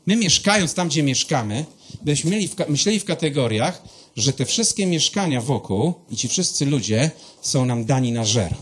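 A pastor gives a sermon built on personal stories, told in a lively, conversational way while he speaks directly to his listeners. His mid-range voice keeps a moderate pace, and a little hiss or hum can be heard.

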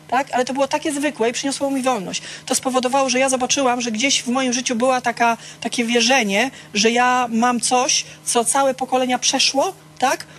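A woman's voice: sits high, a bit bright. A woman teaching a small church group in a conversational way, asking questions, calling listeners by name and sharing candid personal stories. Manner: conversational, keeps checking in with "tak?".

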